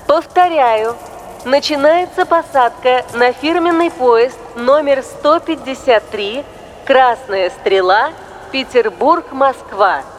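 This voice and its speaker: A woman reading formal train station announcements in a measured, even, official manner. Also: fairly high pitch, a little hiss or hum, rough recording. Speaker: station announcer in a listening exercise.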